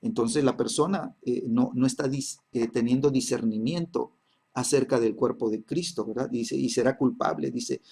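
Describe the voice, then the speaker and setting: A man teaching a church Bible class, checking in constantly with listeners and pausing on repeated fillers. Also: mid-range voice, gravelly, warm tone, slightly rough. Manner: constant "¿verdad?" and "¿sí?" checks, many halting fillers.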